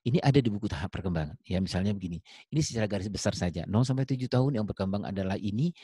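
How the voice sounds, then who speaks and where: A man's voice: fairly low pitch, racing, husky, no echo, studio quality. A middle-aged man giving a parenting talk to parents, addressing them directly and acting out little dialogues to make his points. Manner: lively storyteller, acts out dialogue in raised voices; addresses listeners directly as ayah and bunda. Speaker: parenting speaker.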